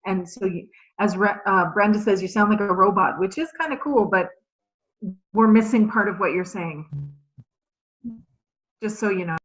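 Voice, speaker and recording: A woman's voice: medium pitch, moderate pace, long pauses, fairly bright tone, highs cut off. A woman on a video call giving matter-of-fact feedback about a connection problem. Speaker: meeting participant. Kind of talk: casual call chat.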